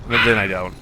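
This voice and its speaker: A young man giving casual, rambling commentary over his own gameplay, mocking himself and breaking into excited yells. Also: mid-range voice, a little hiss or hum. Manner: self-mocking, rambling, bursts of excited yelling. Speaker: gaming commentator.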